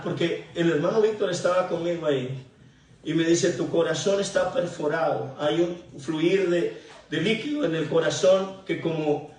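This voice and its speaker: High-voiced pastor in an echoey church. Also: male voice, recorded from a distance. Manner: halting, repeats words, emotional testimony. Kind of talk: sermon. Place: church sanctuary.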